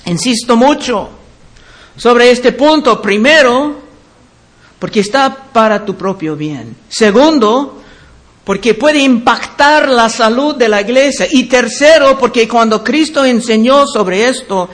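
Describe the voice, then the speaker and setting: A man preaching in a very high voice, taking his time over each phrase. He speaks earnestly, admonishing his congregation and calling them brothers. The tone is that of a pastor delivering a sermon. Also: animated, slow pace, a bit bright.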